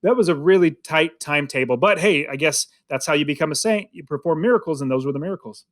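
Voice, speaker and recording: A man talks through a movie on a casual podcast, his voice sitting a little high. He rambles, doubles back and restarts his sentences as he goes. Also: lively intonation, fast, fairly bright tone. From United States. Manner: rambling, many restarts and fillers. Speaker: podcast co-host. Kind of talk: casual film review chat.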